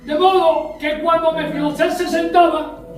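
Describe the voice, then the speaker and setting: A man's voice: very high-pitched, level tone, normal speed, soft background music. A man with a Spain Spanish accent preaching a sermon, telling a story and acting out its scenes in different voices. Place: church. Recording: echoey church hall, mic at a distance.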